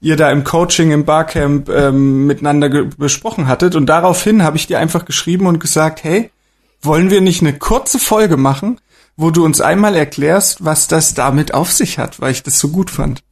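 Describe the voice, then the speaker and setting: Rambling man, slightly higher voice. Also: moderate pace. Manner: rambling, searching for words. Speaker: podcast co-host. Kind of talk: casual podcast conversation.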